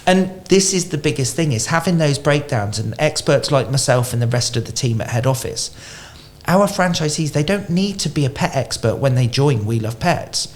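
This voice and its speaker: A man's voice: medium pitch, normal speed. A man, a guest on a business podcast, chatting casually and acting out quotes as he tells stories. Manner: animated storyteller, acting out quotes. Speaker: franchise company expert guest.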